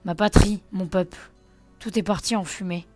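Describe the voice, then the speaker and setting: A woman's voice: mid-range voice, steady tone, normal speed, a little mellow, natural voice. A woman voicing a young lone survivor of a massacred clan, reading game dialogue aloud in a plain voice. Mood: grave. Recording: faint music behind.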